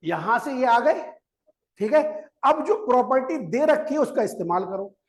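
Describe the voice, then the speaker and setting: With an extremely high, expressive voice and a moderate pace, a male maths teacher delivers a classroom lecture. He keeps testing his students with questions and going back over key steps, gently urging them to listen before they write.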